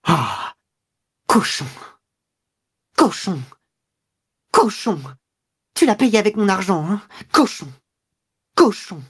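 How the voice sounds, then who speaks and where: A betrayed young woman in a storybook reading, furious and breathless, her pitch leaping high and loud with every insult, as a woman reader puts her on. The voice stays husky at heart, and the recording is dry and close. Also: big pitch swings, slow pace, long pauses, no echo, heavily acted. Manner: shrill, breathless outbursts.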